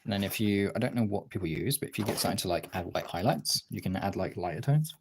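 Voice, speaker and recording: Lively intonation and a quick pace mark this man's fairly low voice, with noise audible behind him. As a streamer and artist, he rambles informally and thinks aloud during a casual drawing demonstration.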